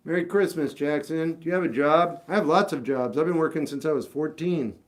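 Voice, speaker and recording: A man in his fifties hosts a casual livestream, answering viewers with rambling, self-deprecating advice and frequent restarts. His voice is on the high side and fairly quick.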